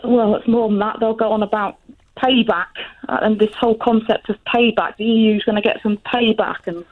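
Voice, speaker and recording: A woman calling a radio phone-in, giving a personal account in a halting, hesitant way with frequent restarts. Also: on the high side, steady tone. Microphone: telephone. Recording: muffled narrowband phone line.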